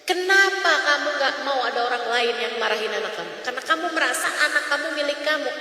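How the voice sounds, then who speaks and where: A woman's voice: high voice, lively intonation, quick pace, pushed and bright. A woman preaching a sermon in a large mosque hall, with impassioned rhetorical questions to the audience. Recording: echoey hall, mic at a distance.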